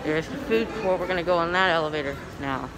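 A man with a voice on the high side talks quickly while filming a walk through an indoor shopping mall on a handheld phone, narrating for viewers as he films the elevators. He sounds hesitant, with frequent ums, over noisy mall ambience.

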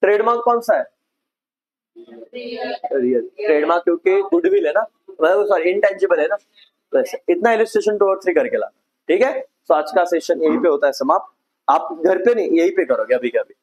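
A man's voice: high voice, expressive, a little fast, dull audio. A male accounts teacher giving a classroom lecture, explaining step by step and checking in with his students. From India.

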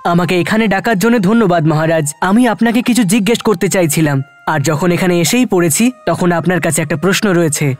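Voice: mid-range voice, fairly quick, no echo, faint music behind, close to an everyday voice. A performer voicing Aladdin, a poor young man in a cartoon, earnest and wondering. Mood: eager.

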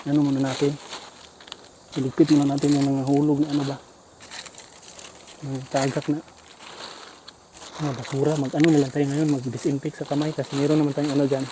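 A Filipino vlogger films himself digging through trash bins outdoors in the heat, sweaty and out of breath as he chats with his viewers. His voice is medium-pitched and level, fairly quick with long pauses, and background noise comes through the camera mic.

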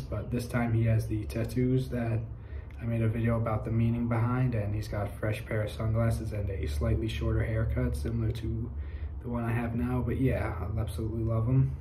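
A man's voice: medium pitch, little pitch movement, fairly quick. A young man vlogging casually at home, upbeat and a bit rambling as he shows his drawings to the camera. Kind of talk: casual chat. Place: indoor room with brick wall. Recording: echoey room, faint noise.

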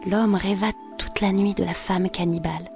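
A woman narrating a folk legend in a measured, steady storytelling manner. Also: mid-range voice, vocal fry, soft background music. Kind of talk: scripted narration of a folk tale.

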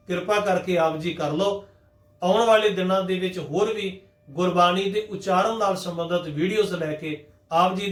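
A man with a high-pitched voice teaches scripture pronunciation in a patient, methodical way. He speaks directly to his listeners. The sound is roomy and echoey. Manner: patient, methodical, addresses the congregation. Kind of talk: religious lesson on scripture pronunciation.

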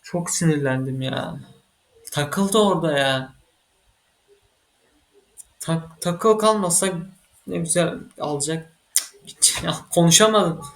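A man giving casual let's-play commentary as he plays a computer game, excitable and quick to get frustrated, swearing at the game. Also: on the high side. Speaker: gaming channel host.

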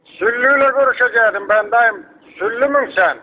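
A man's voice: very high-pitched, normal speed, sharp tone, full character voice. A man playing a hard-of-hearing, rambling, persistent old village uncle in a prank phone call. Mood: rambling, insistent. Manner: repetitive, rambling, asks people to speak up. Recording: dull lo-fi phone prank recording.

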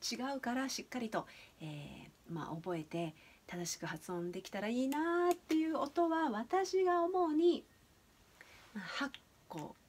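A woman's voice: a little high, a little mellow. A woman teaching English pronunciation in a casual video lesson, chatty and explaining step by step with many fillers.

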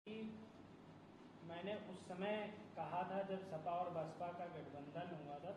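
A man giving a brisk news report. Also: a little high. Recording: distant, roomy, noisy.

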